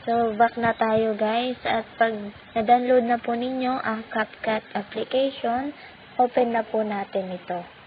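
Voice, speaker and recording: Somewhat high-pitched and a little slow, with fairly even intonation, a Filipino-accented woman hosts a tutorial channel and explains a phone app step by step. She is patient and polite, frequently adding "po" out of courtesy. Expect tinny, phone-like audio with faint noise.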